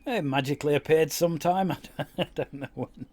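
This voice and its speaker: A man's voice: fairly high pitch, normal speed, darkish tone. A man giving casual, rambling commentary over his own gameplay, with many fillers and restarts. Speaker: game YouTuber.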